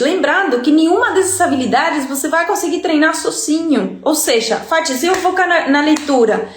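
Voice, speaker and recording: A woman's voice: sits high, reverberant. A woman from Uruguay, a native Spanish speaker with a Uruguayan Spanish accent, teaching Spanish in a live-stream lesson and checking in with her listeners all the time. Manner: chatty, checks in with listeners often.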